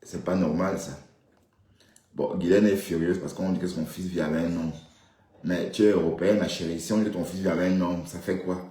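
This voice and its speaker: Fairly quick and mellow, a man's low, steady voice carries rambling live-stream talk through a roomy-sounding space. He addresses his viewers head-on with small asides and a steady stream of "hein" and "d'accord".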